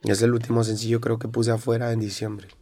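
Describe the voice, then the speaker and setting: A man's voice: medium pitch, fast. A young Mexican man, a rapper guest, animatedly retelling a bad night and acting out what people said. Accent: Mexican Spanish. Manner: animated retelling with acted-out quotes. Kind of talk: casual storytelling interview.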